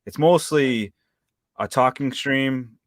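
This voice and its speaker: A man's voice: medium pitch, takes it slowly, heavy background noise. A man in his thirties chatting casually as a co-host, rambling and hesitant with many fillers. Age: 30s. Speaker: live-stream co-host. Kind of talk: casual chat.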